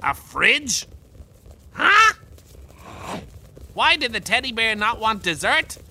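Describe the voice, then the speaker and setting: A woman's voice: on the high side, sing-song, moderate pace, bright, forceful tone, slight background noise, exaggerated voice. A woman playing a vain, menacing ancient pharaoh villain in a children's radio comedy, with an imperious, theatrical delivery. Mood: baffled, irritated.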